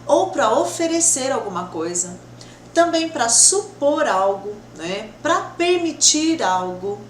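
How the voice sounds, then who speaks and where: Woman teacher, fairly high and very lively pitch, patient, echoey room with faint hiss. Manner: patient, checks in often with "tá?" and "né?". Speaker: English teacher. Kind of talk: explaining grammar to the camera.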